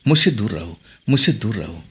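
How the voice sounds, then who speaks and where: A man voicing a frightened young woman who protests and pleads loudly. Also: fairly low pitch, sing-song, moderate pace, breathy edge, heavily acted. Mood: scolding.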